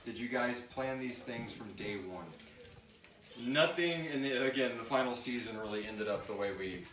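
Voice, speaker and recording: A mid-range, slightly bright male voice at a moderate pace leads a laid-back, jokey live Q&A. He's a podcast creator reading questions and chatting about the answers to a group gathered in a room for a live stream. The distant mic gives a roomy, noisy sound.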